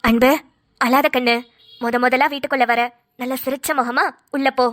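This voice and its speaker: A woman voicing a brisk, bossy but caring middle-aged mother in a cartoon. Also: high voice, fairly even intonation, fairly bright tone, dry recording, clean studio sound. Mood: commanding. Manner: brisk, commanding, fond. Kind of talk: cartoon voice acting.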